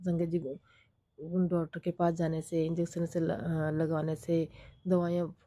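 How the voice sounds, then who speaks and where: A middle-aged woman with a hoarse voice from a cold, sharing a devotional gratitude testimony and repeating her prayerful thanks again and again. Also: sits low, completely flat delivery, a little slow, mellow, dry recording.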